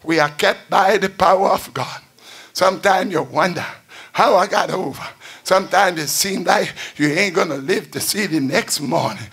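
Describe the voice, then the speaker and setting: An older man preaching at a church pulpit, chanting and shouting in a sing-song call-and-response style. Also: high-pitched, moderate pace, breathy edge. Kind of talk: chanted Pentecostal sermon. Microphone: pulpit stand mic.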